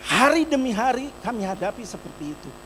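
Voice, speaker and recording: A middle-aged man preaching a sermon in church, telling a personal testimony and speaking directly to the congregation, moving between loud emphatic peaks and soft, quiet storytelling. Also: extremely high pitch, very animated, a little fast, a little hiss or hum, poor audio. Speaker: pastor.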